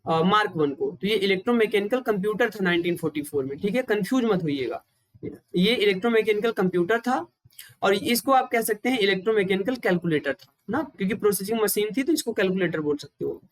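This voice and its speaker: A man teaching a computer lecture for exam preparation. He explains step by step, repeats key points and pauses often to restart his sentences. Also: high voice, lively intonation, no room sound, rough recording.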